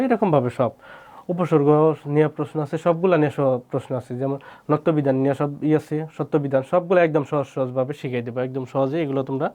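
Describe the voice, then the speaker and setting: Male tutor; brisk exam-prep drill, repeats examples, asks "right?" often. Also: medium pitch, a little mellow. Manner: repeats each example word twice, checks in with "hæ?". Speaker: teacher. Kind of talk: quick exam-prep grammar lesson.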